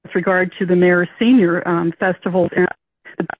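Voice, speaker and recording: An older community caller giving public comment over a phone line that breaks up with clipping and tapping, speaking haltingly with many fillers. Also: medium pitch, steady tone, slight background noise. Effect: breaking-up phone connection with clipping and tapping. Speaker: community caller at a board meeting. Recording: tinny, dry phone line.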